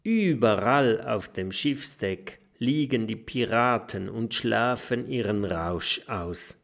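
A man narrating a children's storybook with a lively, expressive reading. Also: lowish voice, slow, gravelly. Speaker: audiobook narrator.

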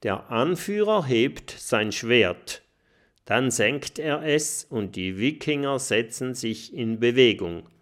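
A man reading a children's story aloud with expressive, lively storytelling. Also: medium pitch, takes it slowly. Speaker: narrator.

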